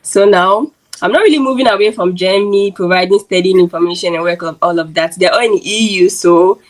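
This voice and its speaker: A woman's voice: fairly low pitch, fairly quick, poor audio. A woman from Ghana hosting her channel, chatty and filling her talk with "like". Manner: chatty, uses lots of "like". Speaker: YouTube host and interviewer. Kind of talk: casual interview chat.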